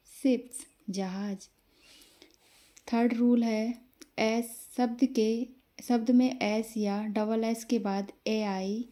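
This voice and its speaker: A woman teaching English pronunciation in a slow, explanatory lesson, spelling out letters one by one and answering her own questions. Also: mid-range voice, warm tone. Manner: asks the class questions, then answers them.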